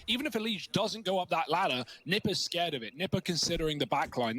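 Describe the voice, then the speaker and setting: A man giving fast play-by-play commentary on an esports match, getting excited on big plays. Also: fairly high pitch, noisy background. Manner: excitable, rising to loud cheers on big plays. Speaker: esports caster.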